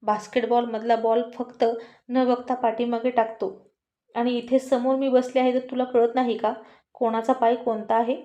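A woman voicing a quick-tempered teenage girl who snaps back indignantly. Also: fairly high pitch, flat delivery, dark tone, muffled recording, close to an everyday voice. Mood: angry. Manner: snappy, indignant.

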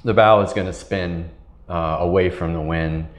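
A man's voice: deep voice, fairly even intonation, moderate pace, echoey room. A middle-aged man, a tall ship captain, telling sailing stories in a casual, rambling way with laughs, on a lapel mic. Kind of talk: casual storytelling interview. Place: wood-paneled ship cabin.

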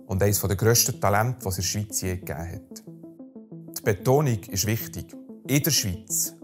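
A man with a Swiss German accent narrating a documentary in a calm, measured way. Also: lowish voice.

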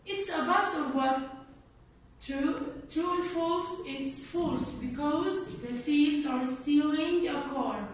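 A woman teaching English, reading a story aloud and explaining it slowly, repeating key words for learners. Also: high-pitched, a little hiss or hum. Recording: very echoey, from a distance.

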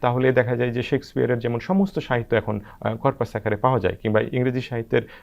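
A man talks quickly as a guest researcher, breaking up his points with frequent hesitant filler sounds. His voice has a gravelly fry. The recording sounds dull and lo-fi. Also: mid-range voice, fairly even intonation. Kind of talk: discussing language research on TV.

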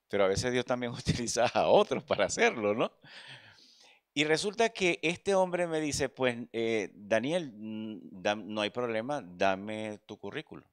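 A man's voice: mid-range voice, no room sound. Earnest preacher man, dry close sound. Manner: earnest, addresses listeners as brother. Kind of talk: sermon with personal testimony. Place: church.

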